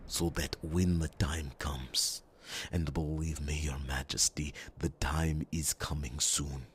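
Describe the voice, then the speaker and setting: In an ASMR fantasy roleplay, a man voices a grave, resolute warrior, speaking solemnly and deliberately with dramatic pauses. His gravelly, breathy rumble keeps a fairly even intonation while sounding imploring and intense.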